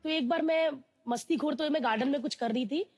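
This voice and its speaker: A woman guest telling a candid, emotional personal story in a lively way, often acting out what others said to her. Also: high voice, brisk, no echo. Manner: candid, animated, acts out quoted voices.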